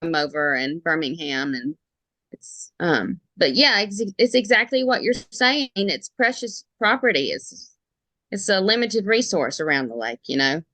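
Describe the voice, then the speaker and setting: A realtor with a thick Alabama Southern accent chats casually and informally in an interview. Her lowish voice is unhurried, pushed and bright, on a dry recording.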